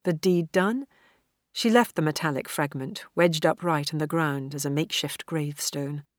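A woman with a low voice narrates an audiobook in a measured, even way. The recording is dry and close, with almost no room sound. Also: no echo. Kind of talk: scripted narration.

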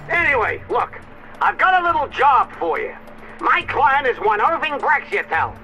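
An actor playing a breezy, chummy upper-class lord whose message is heard over a phone line. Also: male voice, extremely high pitch, full character voice. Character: jovial posh male lord leaving a phone message. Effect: heard as a message left over a phone line. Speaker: client's agent. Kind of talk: audio drama acting.

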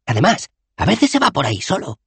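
A man doing a calm, good-natured tourist. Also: fairly high pitch, a little fast, creaky, breathy edge, no echo, voice pushed up, heavily acted. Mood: reassuring. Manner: soothing, light and reassuring.

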